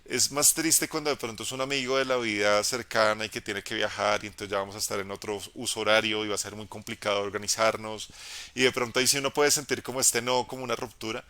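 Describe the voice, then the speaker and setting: A young man, a game master giving an encouraging, casual live talk about narrating, in a low tenor voice with frequent restarts. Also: fairly even intonation, fast, pushed and bright, dry recording. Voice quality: lowish tenor voice. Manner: encouraging, conversational, many restarts. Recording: dry live stream audio.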